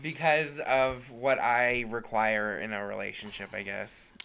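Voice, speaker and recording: A man's voice: mid-range voice, little pitch movement, unhurried, vocal fry, sharp tone. A young man in his twenties co-hosting a podcast in casual chat, speaking hesitantly and getting easily flustered. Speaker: podcast co-host.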